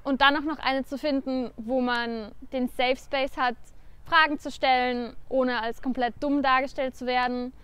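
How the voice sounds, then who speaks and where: A woman's voice: sits high, fairly even intonation, a little slow, fairly bright tone, smooth, dry recording. A woman speaking casually in an earnest way, stumbling over some words. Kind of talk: casual interview talk.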